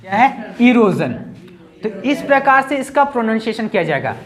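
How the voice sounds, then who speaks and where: Woman teaching pronunciation, kinda high voice, keeps asking "what is it?" and repeating words. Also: sing-song, moderate pace. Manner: repeats each word and quizzes with rhetorical questions. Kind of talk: Hindi-language pronunciation lesson.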